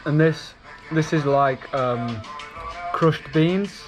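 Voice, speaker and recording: A man's voice: a little high, extremely slow, over music. A man narrating a casual travel vlog, explaining his conservation work with a light, humorous touch. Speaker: vlogger and sloth conservation worker. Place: rainforest and countryside, partly outdoors.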